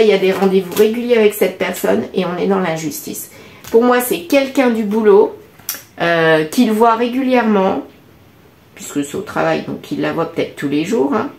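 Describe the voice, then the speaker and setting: A woman with a French accent doing a casual oracle card reading, musing aloud and pausing often with fillers. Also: mid-range voice, gravelly, darkish tone, roomy sound. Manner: musing, hesitant, many fillers. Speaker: card reader.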